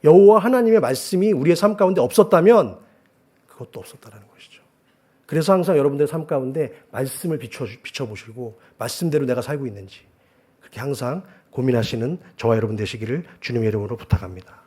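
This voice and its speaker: Male pastor, husky mid-range voice, earnest storytelling sermon, big swings in loudness. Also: medium pitch, fast talker. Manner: earnest, swings between loud emphasis and hushed asides. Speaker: guest pastor. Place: church worship service.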